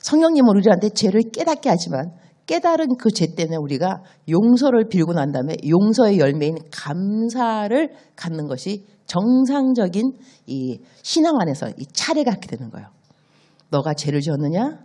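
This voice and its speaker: A woman's voice: medium pitch, normal speed. A woman missionary preaching a sermon in a church, telling stories and acting out the dialogue. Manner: animated storytelling, acts out dialogue.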